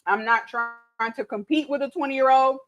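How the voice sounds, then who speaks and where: A cooking livestream host in her late thirties, tipsy from mimosas, chats loosely and easily with a drawl, reading viewer comments aloud and laughing often. Her voice is pitched a little high and a bit bright, at a normal speed.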